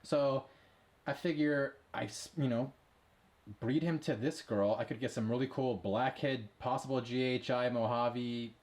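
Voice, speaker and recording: A man breeding ball pythons, talking casually and quickly with lots of fillers as he shows his snakes. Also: mid-range voice, steady tone, a little mellow. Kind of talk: casual vlog showing animals.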